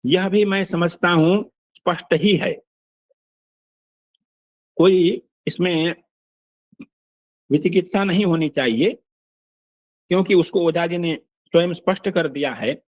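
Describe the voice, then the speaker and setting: An older man teaching Sanskrit phonetics in a slow, measured lecture, pausing to recite verses and examples. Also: sits high, no echo. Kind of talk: lecture explaining a text line by line. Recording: dull, lo-fi dry recording.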